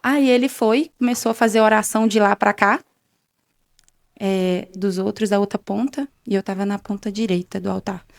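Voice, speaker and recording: A woman's voice: mid-range voice, steady tone, moderate pace, vocal fry, no room sound, clean studio sound. A young adult woman, a guest on a faith show, telling her personal testimony and acting out quoted exchanges in a conversational way. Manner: retells events with many quoted exchanges in a conversational way.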